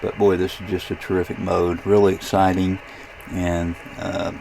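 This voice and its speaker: A gravelly-voiced radio hobbyist sits low in pitch as he casually walks through a software demo, thinking aloud with hesitant, rambling speech. His delivery is flat and normally paced, over a little hiss or hum.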